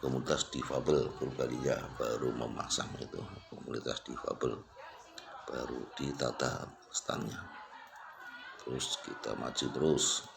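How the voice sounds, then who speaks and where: A vlogger with a very deep, gravelly voice gives a casual walk-through of an exhibition, speaking unhurriedly in a steady tone. His commentary is unscripted and repetitive as he points things out, with the noise of an exhibition crowd around him.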